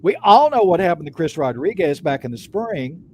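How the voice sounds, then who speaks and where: A man hosts a sports podcast and rants with a lot of energy, cursing freely and stacking repeated words. His voice sits a little high, with faint noise in the background. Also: normal speed. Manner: animated, profane, repeats words while ranting. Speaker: podcast host. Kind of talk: casual sports podcast chat.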